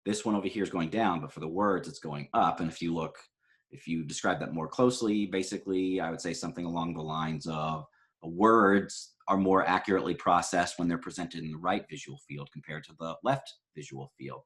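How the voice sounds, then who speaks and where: A man's voice: deep voice, brisk, fairly bright tone. A man lecturing on psychology research, explaining graphs in a conversational way with frequent fillers and self-corrections. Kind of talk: recorded lecture walking through graphs.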